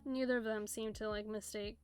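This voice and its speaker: A woman's voice: mid-range voice, fairly even intonation, brisk, darkish tone. A woman in her twenties with an American West Coast accent, chatting casually on a stream and rambling with lots of fillers. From United States, Seattle area. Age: 20s. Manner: rambling, filler-heavy talk with many "like"s. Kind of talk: casual chat. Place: home streaming setup. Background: faint music playing.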